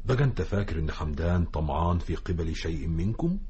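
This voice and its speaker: A village sheikh in a radio play who gives steady, pious counsel. His voice is deep, low and raspy. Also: quick pace, muffled recording, heavily acted. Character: older village sheikh, calm and preachy.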